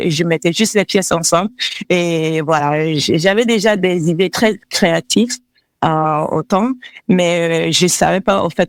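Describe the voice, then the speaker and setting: A woman from Togo speaks as a guest designer, circling her thoughts with many fillers and quick restarts. Her voice sits close and dry, with no room sound around it. She laughs easily between answers. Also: lowish voice, no room sound. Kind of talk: casual interview talk.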